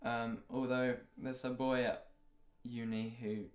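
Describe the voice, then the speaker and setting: A man's voice: mid-range voice, flat delivery, slow pace, reverberant. A man co-hosting a casual podcast chat, rambling and hesitant, laughing often. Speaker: podcast co-host.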